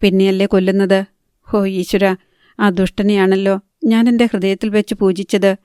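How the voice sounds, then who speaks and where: A woman's voice: mid-range voice, little pitch movement, normal speed, dark tone, smooth, no room sound, studio quality, close to an everyday voice. A woman reading the part of a heartbroken, bitter young woman in an audiobook.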